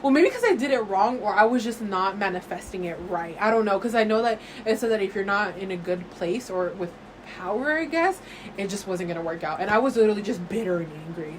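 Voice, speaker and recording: A woman's voice: mid-range voice, expressive, fast talker. A woman in her early twenties co-hosting a podcast in casual chat. She talks animatedly, laughs often and acts out her past self in quoted asides. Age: early 20s. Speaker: podcast co-host. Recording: noisy background hiss.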